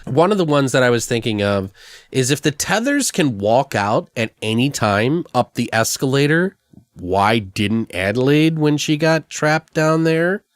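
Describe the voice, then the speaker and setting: Swearing freely, a male co-host chats casually about a movie on his podcast. His mid-range voice is expressive and measured in pace, captured with no room sound.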